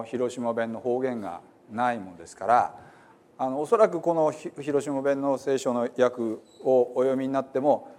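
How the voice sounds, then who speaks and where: A man's voice: mid-range voice, darkish tone. A middle-aged male pastor from Hiroshima with a Hiroshima accent, giving a chatty, self-deprecating sermon introduction with frequent fillers. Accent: Hiroshima Japanese. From Hiroshima, Japan.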